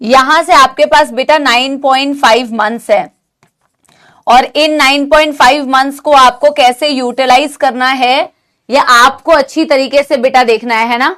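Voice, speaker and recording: A young woman teaching a live online class with a sore throat from a cold, talking gently and affectionately to her students while mixing Hindi and English. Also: high-pitched, steady tone, a little slow. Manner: motherly, calls students "beta", mixes Hindi and English. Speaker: online NEET biology teacher.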